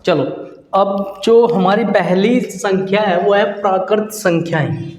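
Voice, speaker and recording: High-voiced man teaching maths in an echoey room. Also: a little mellow. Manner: asks pupils questions and answers them himself; repeats key terms slowly, counting out numbers. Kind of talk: classroom lesson at a board.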